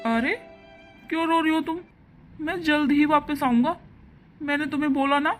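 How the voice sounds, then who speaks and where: A woman voicing a gentle young cartoon husband. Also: sits high, steady tone, moderate pace, faint music behind, close to an everyday voice. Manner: gentle, reassuring.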